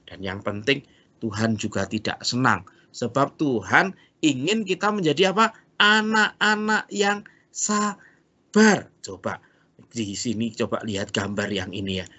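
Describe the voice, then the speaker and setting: A man teaching a kindergarten Bible lesson in an animated, sing-song way, spelling words out slowly. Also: medium pitch, muffled recording.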